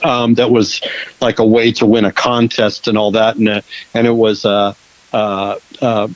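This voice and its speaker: A man's voice: on the low side, level tone, measured pace, no echo, poor audio. A man from Western Washington hosting a casual interview, rambling with many fillers and restarts. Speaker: podcast host and producer.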